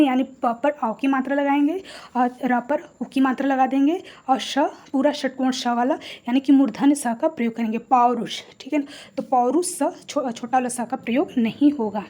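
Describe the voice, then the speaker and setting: High-voiced woman teaching Hindi spelling. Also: dark tone. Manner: patient, repeats each word and asks rhetorical questions. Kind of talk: explaining spelling lesson.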